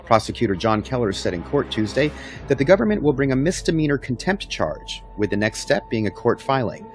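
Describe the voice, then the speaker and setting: A man's voice: medium pitch, very animated, brisk, soft background music. A man news anchor reading scripted headlines in a firm, formal way.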